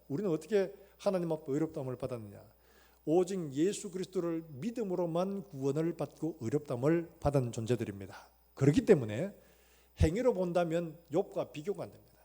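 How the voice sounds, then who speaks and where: A middle-aged man preaching a sermon, moving from slow solemn scripture reading to loud, pleading outbursts. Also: fairly high pitch. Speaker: pastor.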